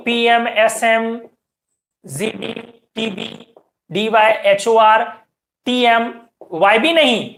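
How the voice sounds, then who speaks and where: A woman with a fairly high voice teaches a chemistry class. She explains each step patiently. She keeps checking whether her students are following and tells them to watch closely. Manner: explains step by step, asks students frequent questions; keeps urging students to pay attention. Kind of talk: classroom lecture.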